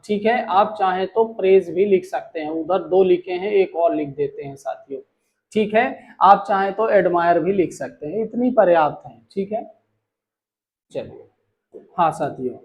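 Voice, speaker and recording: A man's voice: sits high, a little mellow, highs cut off. A man teaching English vocabulary to a class, drawing out words and repeating questions back to the students, with playful memory jokes. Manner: drawn-out repetitive teaching, asking the class back.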